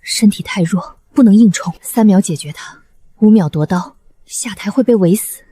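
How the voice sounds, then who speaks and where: A woman's voice: medium pitch, moderate pace, dark tone, natural voice. A woman voicing a terse, cool-headed young soldier heroine. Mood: tense. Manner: terse, clipped, commanding. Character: condemned 17-year-old girl, modern soldier inside, cool-headed. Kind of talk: animated drama voice acting.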